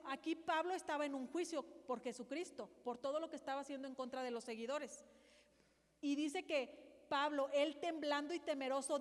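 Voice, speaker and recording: High-voiced woman pastor preaching. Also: big-room sound. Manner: reads Bible verses aloud and asks listeners direct questions. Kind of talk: sermon.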